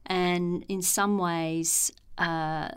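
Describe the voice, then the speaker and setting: A middle-aged woman who left executive life to teach meditation speaks in a reflective interview. She's calm, measured and thoughtful, pausing often, with a fairly low, clear and resonant voice.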